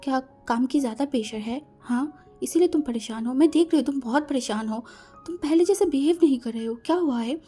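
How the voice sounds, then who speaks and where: A woman's voice: high-pitched, brisk, mellow, faint music behind. A woman voicing a worried young man who keeps asking anxious questions.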